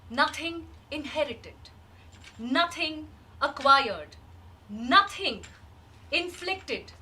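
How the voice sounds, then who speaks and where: A woman playing a grieving, wistful woman in a rehearsed reading of a dramatic monologue, measured and halting with long pauses. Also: high voice, bright, forceful tone, full character voice. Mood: pained, searching. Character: grieving woman recalling a dead loved one, wistful and searching. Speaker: actor in a rehearsed reading of a play. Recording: distant microphone, faint background noise.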